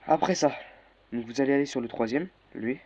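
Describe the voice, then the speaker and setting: A man's voice: mid-range voice, fairly quick, darkish tone. A young man walking through a casual tutorial, hesitant, with many fillers and self-corrections. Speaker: tutorial maker. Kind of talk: casual screen-recorded tutorial. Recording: dull lo-fi mic with faint noise.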